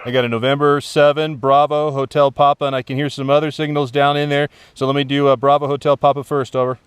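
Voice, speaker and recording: Outdoors on a rocky summit, an amateur radio operator calls out call signs phonetically, repeating letters and numbers to be understood. His voice is medium-pitched and clean, quick-paced with a flat delivery, and there's no room sound.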